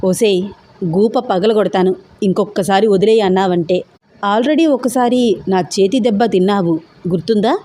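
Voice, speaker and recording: A woman voicing a stubborn, teasing young man in love, playful and persistent, with a mellow tone. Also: mid-range voice, normal speed, natural voice.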